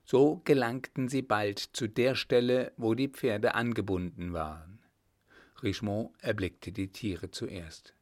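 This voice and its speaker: A man narrating a story in an even, measured storytelling manner. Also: lowish voice. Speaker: audiobook narrator. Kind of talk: scripted narration.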